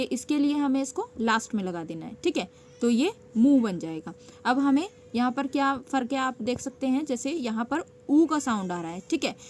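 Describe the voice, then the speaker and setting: A fairly high-voiced woman walks through a shorthand lesson one step at a time, pausing often to check that her students are following. Her tone is patient and steady. A faint hiss of noise sits under the recording. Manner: patient, checks in with frequent "okay" and "theek hai". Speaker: stenography teacher.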